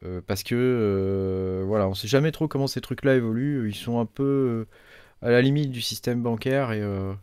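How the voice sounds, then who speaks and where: A man's voice: mid-range voice, moderate pace, darkish tone, clean tone, no echo, clean studio sound. A man reviewing crypto payment cards in a casual, hesitant way, full of fillers and restarts. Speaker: crypto video host. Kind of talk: casual screen-share review.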